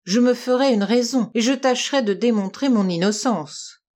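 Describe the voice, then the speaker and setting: A woman reading aloud and voicing a shrewd male police investigator who questions calmly and coaxingly. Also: on the high side, normal speed, close to an everyday voice. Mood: probing. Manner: calm, coaxing, probing.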